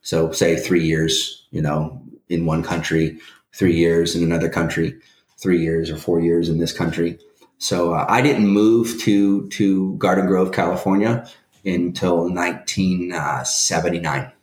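Man in his forties, very deep voice, rambling and hesitant, echoey room. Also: fairly even intonation, measured pace, darkish tone. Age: 40s. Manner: rambling, hesitant, many restarts. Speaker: guest. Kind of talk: casual interview.

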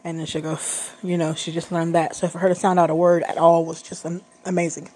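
A woman's voice: on the low side, level tone, fast, darkish tone, slightly rough. A woman in her thirties, a stay-at-home mom, telling a personal story in a chatty, rambling way with many fillers and restarts.

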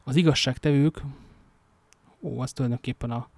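A man's voice: medium pitch, gravelly, a little mellow, no room sound. A man reading a novel aloud, stumbling now and then and adding casual joking asides. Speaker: amateur reader.

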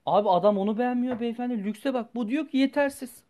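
A young man, a student, telling a personal story in a rambling, animated way and swearing freely. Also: very high voice, fast. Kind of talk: casual storytelling vlog.

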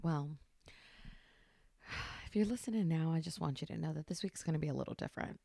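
A woman's voice: sits low, fairly quick, gravelly, no room sound, studio quality. A woman in her thirties hosting a podcast at home, talking in a casual, rambling solo monologue and keeping her voice down. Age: 30s. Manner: chatty, rambling, many fillers; hushed, trying not to be loud. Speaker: podcast host. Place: home at night.

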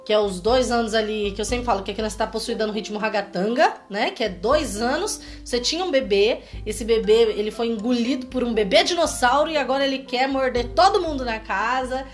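A woman with a Brazilian Portuguese accent, a parenting educator, gives a casual and playful teaching talk, often closing her sentences with tag questions. Her voice is a little high and fairly quick, with hardly any pauses. Faint music plays in the background.

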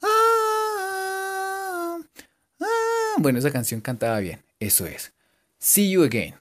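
A man giving a casual, joking English lesson and repeating English words slowly for his students. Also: mid-range voice, big pitch swings, darkish tone. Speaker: English teacher. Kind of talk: casual bilingual language lesson.

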